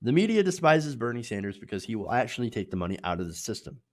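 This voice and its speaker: A man's voice: medium pitch, big pitch swings, quick pace. An American man hosting opinionated political commentary, emphatic, repeating his points in short punchy phrases and often tagging them with "right?". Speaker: host of an online political commentary show.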